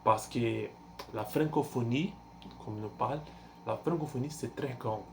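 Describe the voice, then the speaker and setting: With medium pitch and a little hiss or hum in the audio, a twenty-something Brazilian learner vlogs a casual self-introduction in French. His Portuguese-accented delivery stumbles, restarts and leans on fillers while he hunts for words.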